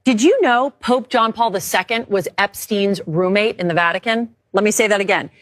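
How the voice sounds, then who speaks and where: A woman's voice: medium pitch, moderate pace, no room sound. A woman co-anchoring mock news as a sarcastic parody news anchor.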